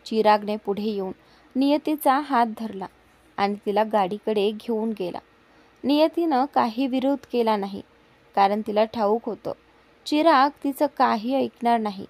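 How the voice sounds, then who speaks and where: A woman reading a romantic story aloud in a steady, clear narrating voice. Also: a little high.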